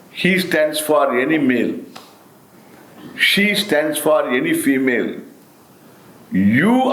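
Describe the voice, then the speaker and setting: An Indian man teaches slowly in a spiritual discourse, his pitch swooping as he speaks in a deliberate, emphatic manner full of repetition and rhetorical questions. The sound is roomy and echoing.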